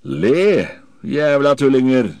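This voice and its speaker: A man's voice: medium pitch, big pitch swings, a little mellow, no room sound, pitched above the performer's own voice. A man reading an audiobook and voicing a fierce one-legged pirate who barks orders. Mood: roaring. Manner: barking orders.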